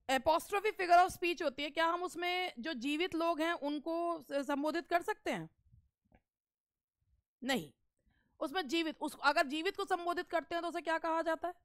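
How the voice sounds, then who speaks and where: A woman English teacher running a live online exam-prep class, reading lines slowly and deliberately and playfully scolding her students. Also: extremely high pitch, dry recording, studio quality.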